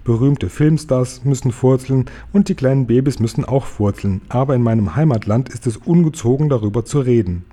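A man's voice: medium pitch, brisk, hardly any pauses, mellow, close to an everyday voice. A man voicing a polite, patient little girl in a story, speaking in a raised voice with careful questions. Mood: explaining.

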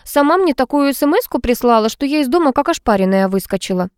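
A woman's voice: high-pitched, expressive, fast talker, darkish tone, clear, resonant tone, no echo, clean studio sound, voice pushed up. A woman voicing a pushy, quarrelsome middle-aged housekeeper who fires off indignant questions in an audiobook. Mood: excited.

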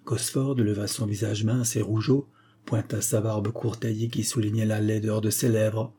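A man narrating a detective story in a measured, literary reading. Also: lowish voice, flat delivery, mellow, husky.

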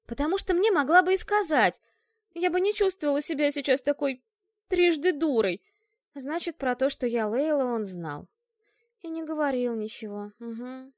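A woman voicing a hot-tempered young woman inventor who bursts out in shrill, indignant lines. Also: lively intonation, normal speed, mellow, no room sound, studio quality, lightly acted. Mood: bitter.

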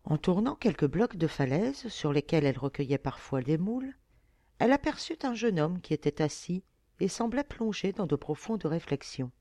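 A woman reading an audiobook aloud with expressive storytelling. Her pitch moves in a lively way, and the recording is close and dry. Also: moderate pace, dry recording. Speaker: audiobook reader. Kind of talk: audiobook narration.

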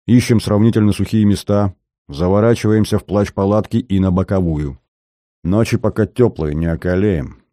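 Calm wry lieutenant, low dark voice, steady orders, read by a man. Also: moderate pace, no room sound, clean studio sound, lightly acted. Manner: level, commanding, wry. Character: calm young male lieutenant, dry commander.

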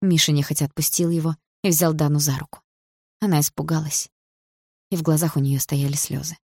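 A woman narrating an audiobook of a romance novel in an even, steady reading voice. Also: deep voice, brisk, husky, no room sound, clean studio sound. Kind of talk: scripted narration.

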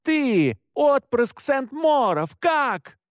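A man's voice: high-pitched, expressive, normal speed, dry recording, clean studio sound, pitched above the performer's own voice. A man reading an audiobook and voicing a stern, furious middle-aged mother who gives harsh orders. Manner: harsh, commanding.

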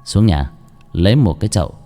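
A man voicing a calm, composed exorcist who gives brief orders in a ghost story. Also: sits low, fairly quick, faint music behind.

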